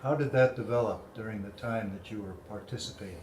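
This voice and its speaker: A man's voice: on the low side, fast, darkish tone. A man interviewing someone for an oral history, phrasing his questions politely and carefully. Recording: roomy echo with faint noise.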